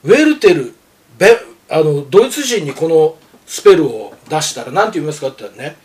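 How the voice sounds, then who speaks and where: An older man with a high, very lively voice, talking in a gruff, teasing, lecturing way. He is a seasoned racing pundit chatting on a radio show and telling animated stories. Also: fairly quick. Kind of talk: casual radio chat.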